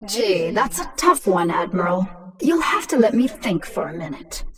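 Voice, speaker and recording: A woman's voice: medium pitch, big pitch swings, normal speed, recorded from a distance. A woman playing a ruthless, mocking queen of an alien swarm in a video game, imperious and drawling in her threats. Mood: mocking menace. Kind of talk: dramatic video game acting. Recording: voice under very loud music.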